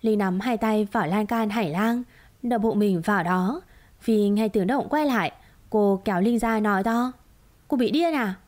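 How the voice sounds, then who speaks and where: A woman reading a romance drama story aloud in a steady, dramatic storytelling manner. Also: medium pitch, moderate pace. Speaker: narrator. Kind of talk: scripted story narration.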